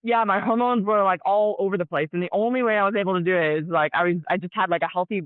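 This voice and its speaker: A woman's voice: medium pitch, fast talker, no echo. This is a woman from Colorado in her thirties, a nurse and athlete chatting as a guest. She tells her stories animatedly and keeps the words coming. Her voice arrives through a narrow, tinny line with no room sound. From Colorado, USA. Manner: animated, chatty storyteller with many "like" fillers. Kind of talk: casual storytelling interview. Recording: tinny phone-like dry audio.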